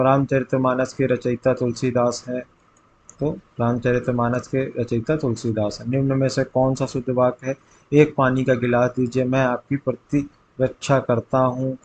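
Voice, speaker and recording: A man's voice: mid-range voice, a little mellow, low-quality recording. A man tutoring for exams, reading multiple-choice grammar questions aloud and then stating which answer is correct. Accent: Hindi, north India. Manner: reads options, then states the answer. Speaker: exam tutor.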